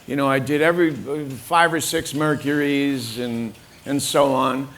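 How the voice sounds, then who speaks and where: An older man from New York, a guest on a car forum panel, telling his story plainly with frequent pauses. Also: mid-range voice, steady tone, fairly bright tone, slight background noise. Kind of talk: panel discussion. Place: forum room with an audience.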